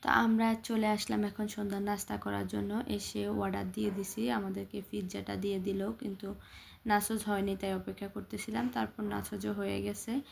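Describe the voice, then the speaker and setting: Flat, gravelly woman narrating a vlog. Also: mid-range voice, moderate pace, background noise. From Bangladesh. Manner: flat, conversational storytelling. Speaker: vlogger. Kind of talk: voice-over narration of a family outing.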